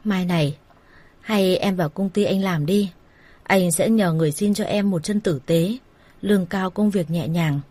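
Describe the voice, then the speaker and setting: A woman's voice: fairly low pitch, moderate pace, mellow, breathy edge, no echo. A woman voicing a persuasive older brother who coaxes his younger sister in an everyday voice. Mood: coaxing. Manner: coaxing, persuasive. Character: coaxing older brother, a smooth-talking manager.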